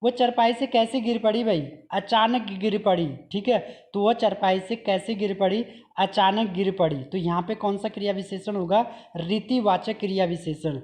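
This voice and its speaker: A man's voice: high voice, fairly even intonation, normal speed, a little mellow. A man teaching an exam-prep grammar lesson. He drills each point by asking his own questions, answering them, and repeating the examples. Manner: repeats examples and says "okay" often.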